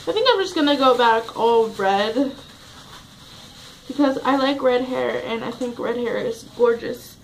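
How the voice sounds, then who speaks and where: Chatty high-voiced young woman vlogging. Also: measured pace, vocal fry, a little hiss or hum. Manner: rambling, chatty, restarts often. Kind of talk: casual vlog chat. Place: home room, at a table.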